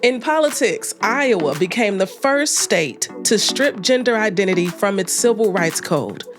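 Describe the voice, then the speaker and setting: A woman's voice: medium pitch, expressive, a little slow, music in the background. A woman hosting a weekly news podcast with a stuffed-up, congested voice, talking straight to her listeners and often calling them family. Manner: warm direct address, says "family" and "okay". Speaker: podcast host.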